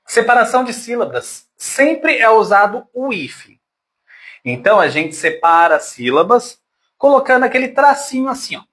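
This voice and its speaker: A man's voice: very high voice, very animated, normal speed, bright, forceful tone. A man teaching a grammar lesson to his pupils, patient and affectionate, sounding words out syllable by syllable.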